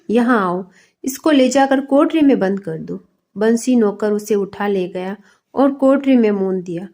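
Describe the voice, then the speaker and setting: A woman's voice: on the high side, dark tone. A woman voicing a stern middle-aged father who presses his young son with scolding questions, in a storybook reading.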